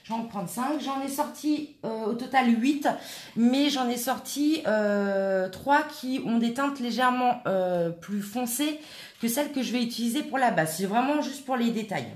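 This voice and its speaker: A woman hosts a live craft demonstration, chatting as she works and replying to viewers by name. Her voice sits a little high. The room around her is echoey. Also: moderate pace. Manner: chatty, talks while working, answers viewers by name. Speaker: craft tutorial host.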